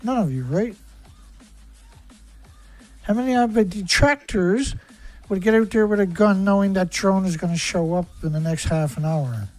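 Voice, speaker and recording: A man's voice: sits high, normal speed, pauses often, darkish tone, soft background music. A man hosting a livestream, delivering an angry, profane rant full of hammering rhetorical questions. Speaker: livestream host. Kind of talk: ranting livestream monologue.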